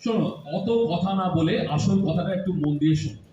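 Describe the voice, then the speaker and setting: This Bengali audio drama features a male actor as a grown son teasing and lecturing his mother and aunt, performed lightly. His voice sits high and mellow and he talks fast, with the highs cut off, in a distant echoey room with faint hiss.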